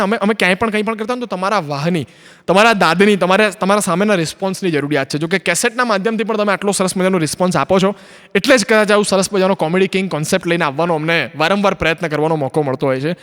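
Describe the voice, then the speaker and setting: A man's voice: sits high, racing, a bit bright. A man performing stand-up comedy on stage, telling stories and acting out both sides of the conversations in them. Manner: acts out both sides of dialogues in his stories. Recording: long hall reverb from an auditorium.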